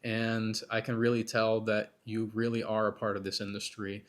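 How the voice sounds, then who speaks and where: A man hosting a podcast speaks at normal speed in a lowish, monotone voice, hoarse and fading as he gets over an illness. His casual solo commentary between interview segments is rambling and self-critical, packed with fillers and restarts.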